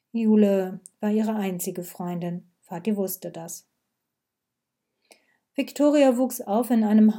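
Dark-voiced woman reading a story. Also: mid-range voice. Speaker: narrator. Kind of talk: scripted narration.

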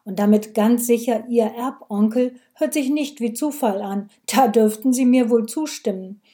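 A woman reading an audiobook voices a gruff, mocking male village policeman who talks loud, clipped and sarcastic. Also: a little high, normal speed, lightly acted.

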